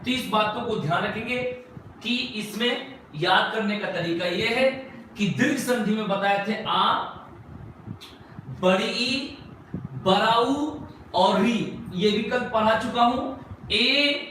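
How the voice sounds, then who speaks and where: A man with a very high voice gives a classroom grammar lecture. He keeps firing questions at the class and answering them himself, and he draws out single sounds as he spells words. He is far from the mic in a very echoey room with faint noise behind him. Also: measured pace, bright, forceful tone. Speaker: Hindi grammar teacher.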